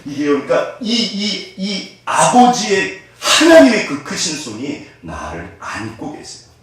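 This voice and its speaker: A man's voice: a little high, unhurried. A male pastor preaching a sermon, often putting questions to his congregation. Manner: animated, asks the congregation questions. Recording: echoey room from far off.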